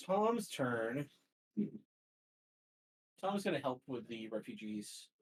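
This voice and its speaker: A man running a tabletop game as game master, answering players in a relaxed way and now and then letting a villain boast. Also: medium pitch, slow, husky, poor audio.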